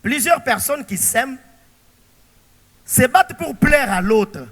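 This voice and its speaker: A male pastor preaching a sermon, animated and throwing rhetorical questions to the congregation. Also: very high-pitched, slow, long reverb tail.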